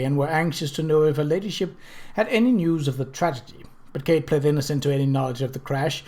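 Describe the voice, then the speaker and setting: Narrating a period mystery novel, this man has a voice pitched a little high with a darkish tone. He phrases things in a measured, storybook way, typical of an audiobook reader.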